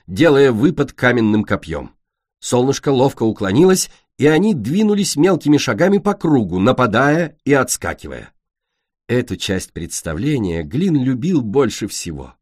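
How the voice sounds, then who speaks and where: Expressive male storybook narrator. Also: medium pitch, no room sound. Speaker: audiobook narrator. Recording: dry close recording.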